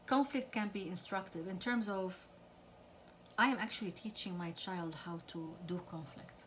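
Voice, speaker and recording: A middle-aged woman, a family counselor, gives parents an earnest talk about conflict with teenagers, acting out the quoted parents and teens. Her voice is medium-pitched and a bit bright at a normal speed, with slight background noise.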